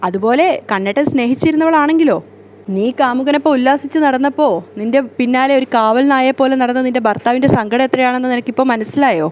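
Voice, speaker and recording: A woman's voice: sits high, fast talker, a little mellow, slight background noise, lightly acted. A woman voicing a knowing mirror reflection of a young wife, asking probing, teasing questions.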